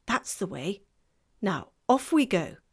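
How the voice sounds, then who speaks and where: A woman's voice: medium pitch, sing-song, takes it slowly, slightly rough, full character voice. A woman voicing a polite, fussy male faun who speaks formally and wistfully, for a storybook reading. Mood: courtly. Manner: courtly, formal and eager.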